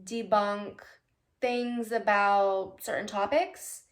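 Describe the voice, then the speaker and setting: A woman's voice: mid-range voice, steady tone, takes it slowly. A woman vlogging casually at home, answering viewer questions in a chatty, playful way with loose tangents and asides. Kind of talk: casual chat.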